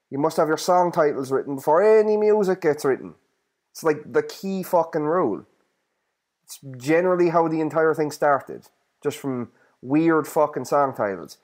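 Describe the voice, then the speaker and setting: Higher-voiced North Kerry Irish man, irreverent podcaster. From North Kerry, Ireland. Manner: irreverent, sweary, slangy. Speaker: host of a music podcast. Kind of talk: casual solo podcast talk.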